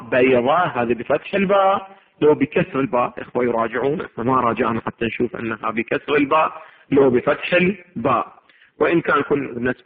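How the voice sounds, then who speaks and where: A man giving a seminary lecture on religious law, reading a text aloud and explaining it with rhetorical questions. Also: mid-range voice. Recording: tinny phone-like lo-fi recording.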